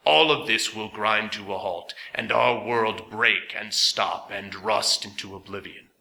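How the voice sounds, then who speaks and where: A man voicing a small talking sweeper machine that speaks in a grinding, metallic voice with slow, grave warnings. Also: lowish voice, creaky, pushed and bright, echoey room, a little hiss or hum, exaggerated voice, low-quality recording. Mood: solemn. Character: strange talking machine sweeper, solemn and ominous.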